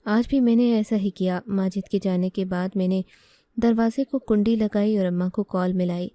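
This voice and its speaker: A woman narrating a first-person story in a steady, earnest way. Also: mid-range voice, normal speed, dry recording.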